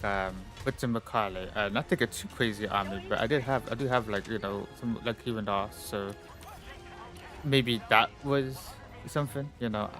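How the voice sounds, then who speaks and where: A man's voice: fairly low pitch, a bit bright. A man live streaming, chatting casually and rambling, his talk full of fillers, his voice a bit stuffy-nosed. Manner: rambling, filler-heavy, full of "like" and "you know". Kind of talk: casual chat while gaming on stream.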